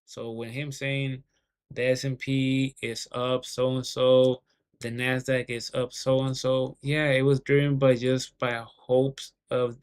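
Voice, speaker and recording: Flat-voiced, profane male market commentator. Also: medium pitch. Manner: profane, rambling, heavy swearing; repeats words and restarts often. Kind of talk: casual market commentary vlog.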